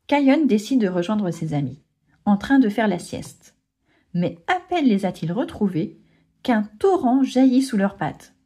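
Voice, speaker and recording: A woman narrating a children's storybook aloud in an expressive way. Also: mid-range voice, unhurried, slightly rough. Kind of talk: storybook reading.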